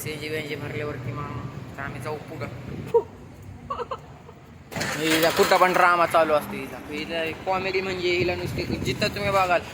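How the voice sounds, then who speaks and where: A man filming a casual travel vlog from an auto rickshaw on a phone, chatty and excited, always telling viewers to look. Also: on the high side, fairly quick, few pauses. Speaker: vlogger. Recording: loud road noise and chatter.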